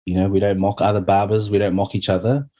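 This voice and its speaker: A man's voice: lowish voice, level tone, fast, dark tone. A middle-aged man, sharing his story earnestly and heartfelt as an interview guest, often saying "you know". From New Zealand.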